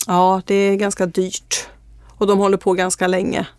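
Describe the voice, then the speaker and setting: A woman's voice: medium pitch, monotone, a little mellow, smooth, dry recording. Earnest Swedish-speaking woman, dry sound. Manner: earnest storytelling with frequent fillers. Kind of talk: casual testimony in conversation.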